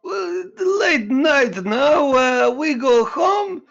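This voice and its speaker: A woman's voice: sits high, animated, takes it slowly, vocal fry, highs cut off, soft background music. A woman player in casual game table chat, joking and laughing.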